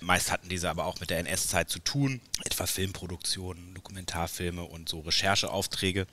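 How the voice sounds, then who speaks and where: Bright-toned historian. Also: male voice, low voice. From West Berlin, Germany. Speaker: historian guest. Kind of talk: interview answer.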